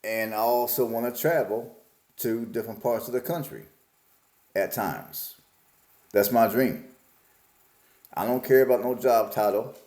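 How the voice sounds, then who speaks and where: A man from Alabama, in his forties, reflects casually on his life for his vlog, keeping the language plain. His medium-pitched, somewhat mellow voice moves unhurriedly with long pauses, and the room reverberates.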